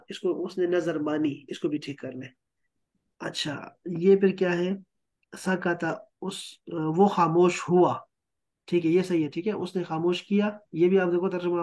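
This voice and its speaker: High-voiced guy teaching arabic word meanings, patient, keeps asking if ppl follow. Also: darkish tone. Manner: patient, explains with repeated checks like "theek hai?". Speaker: Quran translation teacher. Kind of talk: online class teaching.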